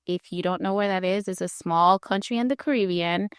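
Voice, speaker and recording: A woman in her thirties from Haiti, hosting a podcast and telling her own story in a candid, animated, conversational way. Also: lowish voice, brisk, clear, resonant tone, dry recording, clean studio sound. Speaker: podcast host.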